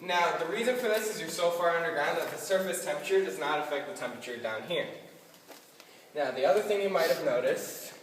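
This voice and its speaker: A man with a fairly high voice leads an informal cave tour. His patter is dry and joking. The cave wraps his words in strong echo and a long reverberant tail, picked up some way from the mic. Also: animated, quick pace, far from the mic, a little hiss or hum. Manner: joking, dryly humorous patter. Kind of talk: informal guided tour talk. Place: inside an underground limestone cave.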